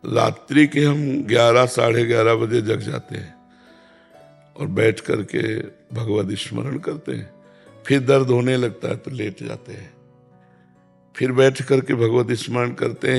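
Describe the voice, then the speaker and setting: A man, calmly answering devotional questions as a spiritual teacher and repeating key phrases. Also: medium pitch, creaky, faint music behind. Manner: calm, repeats key phrases, chants verses slowly.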